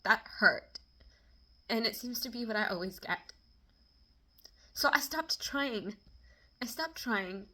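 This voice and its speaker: A vlogger talks candidly to her camera about friendship in an emotional, frank confession, swinging between laughter and near tears. She swears casually and lets out quick bursts of exasperation. Her voice is a little high, expressive and sharp.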